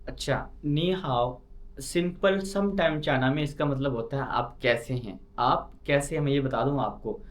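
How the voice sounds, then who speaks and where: Slow, patient male teacher. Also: medium pitch. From Pakistan. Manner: repeats key points and asks himself questions. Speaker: language teacher. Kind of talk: slow explanatory lesson.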